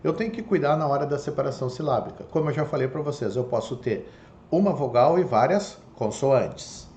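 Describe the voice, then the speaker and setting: A man's voice: mid-range voice, fairly quick, a little mellow. A man teaching a Portuguese lesson online, explaining step by step and often checking in with "tá?" and "ok?". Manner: explanatory, repeats "tá?" and "ok?" to check understanding. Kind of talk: online lecture. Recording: echoey room, faint background noise.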